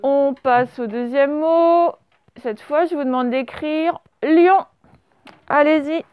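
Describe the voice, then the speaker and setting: Spelling words out letter by letter, a primary school teacher quizzes her class during dictation and praises their answers. Her voice sits high and narrow at a slow pace, and the audio sounds tinny.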